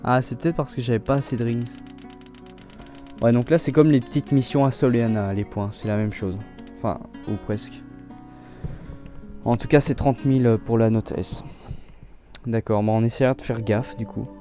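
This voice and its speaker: A young man hosting a let's play, talking casually about his gameplay in a relaxed, chatty way and often restarting his sentences. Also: medium pitch, normal speed, long pauses, soft background music.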